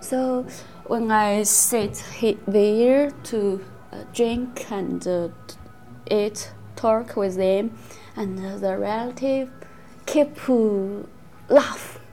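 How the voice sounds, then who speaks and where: A young woman from China, a native Hmong speaker with a Hmong accent, tells stories casually in halting English, searching for words. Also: medium pitch, dark tone, soft background music. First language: Hmong (Miao). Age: young adult. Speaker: interviewee. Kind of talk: casual storytelling in conversation.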